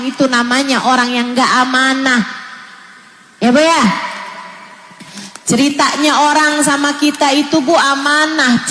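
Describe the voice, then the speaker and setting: High-voiced woman preaching in an echoey hall. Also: slight background noise. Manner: earnest, addresses mothers directly, warm coaxing. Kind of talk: sermon. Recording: echoey hall with faint ambience.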